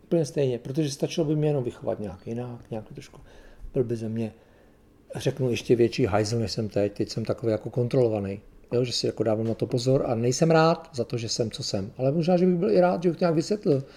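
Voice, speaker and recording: A man preaching an informal, confessional sermon, talking casually and moving between quiet, muttered asides and loud, emphatic declarations. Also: medium pitch.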